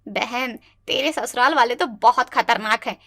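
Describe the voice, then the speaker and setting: A woman's voice: on the high side, unhurried, fairly bright tone, no room sound, clean studio sound, pitched below the performer's own voice. A woman voicing a cheeky young female best friend in a cartoon, with a teasing, joking manner. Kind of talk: cartoon voice acting.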